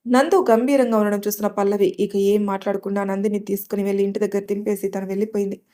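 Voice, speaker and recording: A woman storyteller giving a calm, scripted narration of a love story. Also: mid-range voice, quick pace.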